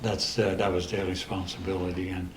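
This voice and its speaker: A Dutch guest in his eighties reminisces in a casual interview, his speech slow and halting, full of pauses and restarts. His voice is very low-pitched and stays flat and even. The room echoes, with faint ambience and a noisy background.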